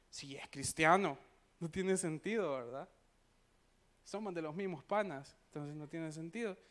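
A man's voice: high voice, clean tone. A man preaching to a church, telling personal stories. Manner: anecdotal, conversational, frequent tag questions. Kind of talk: sermon storytelling.

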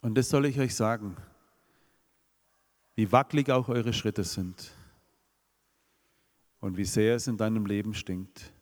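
A man's voice: on the low side, fairly even intonation, unhurried, pauses often, darkish tone. Swabian man preaching in a hall. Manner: rhetorical questions to the congregation. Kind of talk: sermon. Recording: long reverb of a hall.

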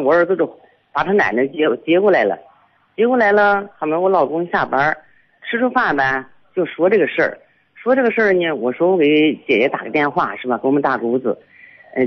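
An older woman, calling in to a radio show and telling a long, rambling story full of restarts and repetitions. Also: deep voice. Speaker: caller. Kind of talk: phone-in storytelling. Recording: dull phone line on radio.

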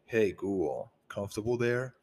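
A blunt, grumpy dinosaur-like creature, as a man voices him. The voice sits very low and speaks in a flat, gruff way. It comes from a homemade audiobook reading. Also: measured pace, a little hiss or hum. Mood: grumbling.

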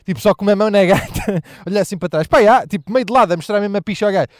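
Man, European Portuguese accent, comedy podcast host, profane rambling rant, high voice, dry close sound. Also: very fast, dry recording. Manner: profane, rambling, mocking impressions.

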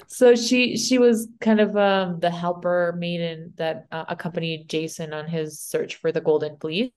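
A woman's voice: lowish voice, fairly even intonation, a little slow, darkish tone. Rambling woman with a Spanish accent. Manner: rambling, unsure, lots of "like" and restarts. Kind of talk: casual chat retelling a myth.

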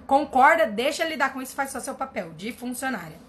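A woman's voice: high voice, big pitch swings, fast, fairly bright tone, slight background noise. A woman therapist giving blunt, emphatic advice in a casual chat, often repeating herself for stress. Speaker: family constellation therapist answering viewer questions. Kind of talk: casual live advice reading comments.

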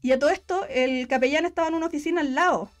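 A woman's voice: sits high, soft background music. A young woman with a Chilean accent, telling a personal story in casual, slangy chat and voicing the people in it. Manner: fast, slangy, animated storytelling with voiced quotes.

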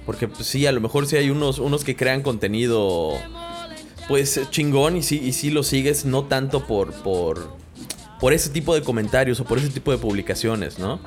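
A Mexican man with a middle-pitched, lively voice trades blunt, slangy jokes. Faint music plays underneath. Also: moderate pace. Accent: Mexican Spanish. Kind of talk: casual chat.

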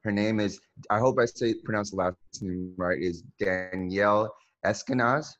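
A male host introducing a guest in a halting, hesitant way, unsure of her name. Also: lowish voice, a bit bright, highs cut off. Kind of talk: casual show introduction.

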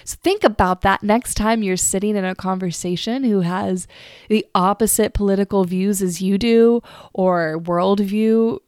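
A woman's voice: mid-range voice, fairly even intonation, measured pace, a little mellow, clean tone, no echo. A young woman in her twenties hosting a solo podcast, talking in an earnest, chatty way that often repeats words as she restarts. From United States. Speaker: podcast host. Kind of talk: casual solo podcast talk. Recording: dry close recording.

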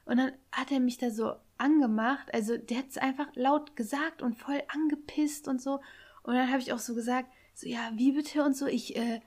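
A woman's voice: sits high, fairly even intonation, normal speed, darkish tone. A young woman chatting casually and retelling a story with lots of tag questions and acted-out quotes. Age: young adult.

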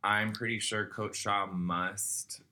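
A man co-hosting a podcast in casual chat, chiming in with quick affirmations and asides. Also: fairly low pitch, fairly even intonation, sharp tone. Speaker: podcast co-host.

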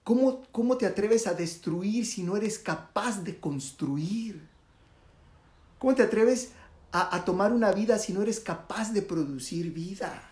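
A storyteller putting on a serene, gentle old sage, soft and unhurried, in a mid-range voice. The sound carries a roomy echo, like a talk recorded in an open room. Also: mid-range voice, expressive, lightly acted. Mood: earnest.

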